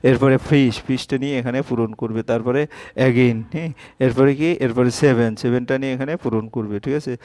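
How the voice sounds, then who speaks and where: A man's voice: mid-range voice, steady tone, normal speed, a little mellow, no room sound. A male teacher, patiently walking young pupils through exam answers and often checking that they follow.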